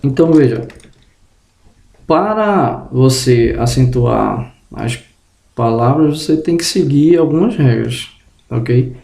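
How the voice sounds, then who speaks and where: Slow, gravelly man teaching. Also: medium pitch, expressive, mellow, roomy sound. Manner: slow and deliberate, drawing out example words; tag questions to the viewer. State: just woke up, tongue tripping. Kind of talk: spoken grammar lesson.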